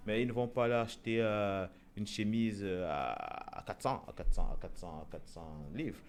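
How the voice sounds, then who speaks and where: Low-voiced man hosting a talk show. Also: moderate pace, a little hiss or hum. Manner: repeats words and restarts often, many fillers. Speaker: show host. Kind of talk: casual discussion show.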